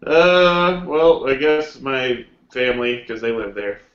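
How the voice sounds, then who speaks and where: A low-key man giving short, understated answers in a casual podcast chat. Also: lively intonation, takes it slowly, reverberant, highs cut off. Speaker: podcast guest.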